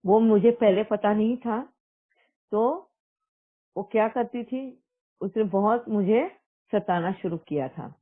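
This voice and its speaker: Woman, spiritual testimony, earnest storytelling, tinny phone-like audio. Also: mid-range voice. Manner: earnest storytelling, mixes English words into Hindi. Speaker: spiritual speaker. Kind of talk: personal testimony talk.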